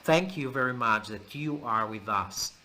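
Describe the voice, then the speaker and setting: A man giving a ministry message to supporters in earnest, halting English. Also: medium pitch, expressive, bright, forceful tone. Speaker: church worker giving a ministry update. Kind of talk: prepared thank-you message to supporters.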